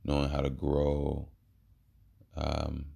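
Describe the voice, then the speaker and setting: Very deep, creaky-voiced man, musing slowly. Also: completely flat delivery, mellow. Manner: halting, reflective, trailing pauses. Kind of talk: rambling spoken monologue.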